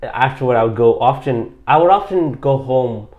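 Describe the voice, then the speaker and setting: The audio is narrow and tinny as a medium-pitched, animated man speaks at a moderate pace. He's a Bangladeshi squash coach in his late twenties, rambling through his story as an interview guest with lots of fillers and restarts.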